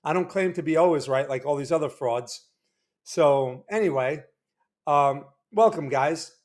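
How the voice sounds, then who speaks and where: At a measured pace and with a voice on the high side, a man runs a relaxed market analysis livestream from a desk microphone. He chats loosely, says hello to viewers, reads out chat names and restarts sentences as he goes.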